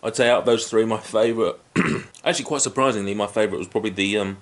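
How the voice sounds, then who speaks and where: A man's voice: lowish voice, fast talker. A British man in his thirties giving a casual food review at home, talking between bites of crunching chips. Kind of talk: casual, unscripted tasting review to camera. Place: small living room at home, indoors. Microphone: camera a short distance in front. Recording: clear background noise, crinkling packets.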